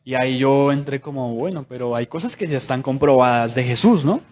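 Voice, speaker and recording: A man's voice: medium pitch, a little fast, darkish tone, lo-fi sound. A man preaching a sermon in a conversational way, asking the congregation many rhetorical questions.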